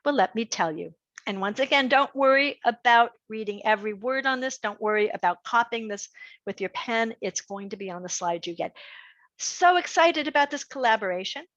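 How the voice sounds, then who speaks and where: A middle-aged woman leads a fundraising workshop with an animated, lively delivery, swinging her pitch up and down to keep listeners engaged. Her voice sits mid-range for a woman. The recording is dry and a little dull. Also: brisk, no echo. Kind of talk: online workshop presentation.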